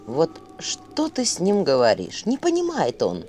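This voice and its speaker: A woman's voice: on the low side, wildly swooping pitch, a little fast, darkish tone, a little hiss or hum. A woman voicing a sarcastic, grumbling talking eagle-owl.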